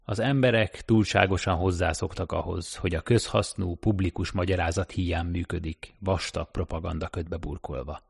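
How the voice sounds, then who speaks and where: Deep gravelly male narrator. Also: steady tone, hardly any pauses, no room sound, clean studio sound. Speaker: audiobook narrator. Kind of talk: scripted narration.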